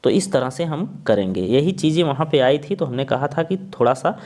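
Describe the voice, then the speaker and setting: A man's voice: mid-range voice, sing-song, a little mellow. A young man teaching a spelling lesson, sounding out words and spelling them letter by letter. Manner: spells out letters one by one, repeats words slowly.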